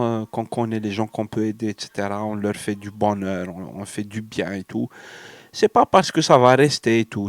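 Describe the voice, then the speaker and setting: An Algerian vlogger with a cold and fever speaks in a medium-pitched, darkish voice on a dry recording. His personal monologue is rambling and hesitant, delivered in an Algerian French accent as he moves back and forth between French and Arabic.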